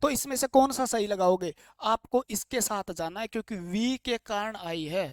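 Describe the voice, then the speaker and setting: A man's voice: sits high, normal speed, dry recording, clean studio sound. A male teacher giving a classroom lecture, chatty and plain, who keeps asking questions and answering them himself to drill the key points. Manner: plain, chatty and jokey explaining.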